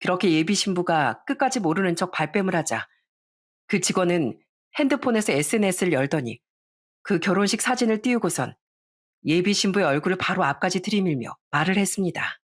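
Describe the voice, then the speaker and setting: A woman reading a dramatic first-person story in a measured, storytelling manner. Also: lowish voice, animated.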